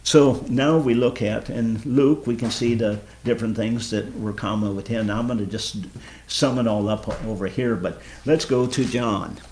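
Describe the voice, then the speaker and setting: A man's voice: mid-range voice, fairly even intonation, normal speed, few pauses, darkish tone, a little hiss or hum. A man leading an informal Bible study, earnestly explaining scripture and quizzing his group.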